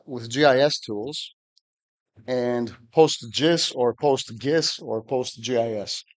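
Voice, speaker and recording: Man giving a relaxed tech talk. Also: mid-range voice. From Greece. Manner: relaxed, dry humor, frequent fillers. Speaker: conference speaker. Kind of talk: technical conference talk. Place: conference hall, at a podium.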